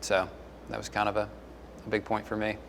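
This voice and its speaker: A man's voice: on the low side, completely flat delivery, fairly quick, creaky, fairly bright tone, a little hiss or hum. A young man from Memphis, a fifth-year resident on a panel, speaking earnestly. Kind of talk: panel discussion. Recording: room with long reverb.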